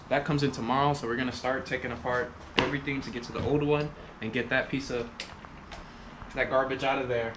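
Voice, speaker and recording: A man talks like a frat bro, casual and full of joking swagger, hosting a hands-on repair video. His voice sits at an average pitch in an echoey space, with loud noise and clicking around him. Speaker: host of a DIY motorcycle repair video. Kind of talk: casual chat while working.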